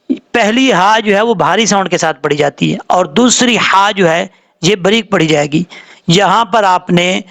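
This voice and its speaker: A man teaching Quran recitation rules, explaining calmly and drawing out the words he demonstrates. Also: sits high, vocal fry. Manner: explains slowly, drawing out Arabic words when showing them. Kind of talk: tajweed lesson with slow demonstrations.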